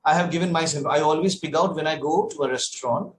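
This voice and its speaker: A man's voice: fairly high pitch, fast talker, roomy sound, slight background noise. A man working as an English tutor, explaining idioms and pronunciation in a teacherly, encouraging way, often restarting his sentences. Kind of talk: online English speaking lesson.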